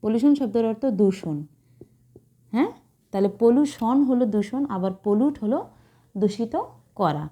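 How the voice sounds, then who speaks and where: Mellow-voiced woman teaching English. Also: a little high, animated, normal speed, pauses often. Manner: explains patiently, spells words out letter by letter, checks understanding with "hyan?". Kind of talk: casual classroom explanation.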